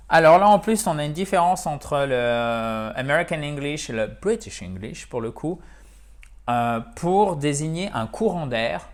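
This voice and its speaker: Lively man teaching English. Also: on the high side. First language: French. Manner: lively, switches between French and English, repeats words for pronunciation. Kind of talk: online English lesson.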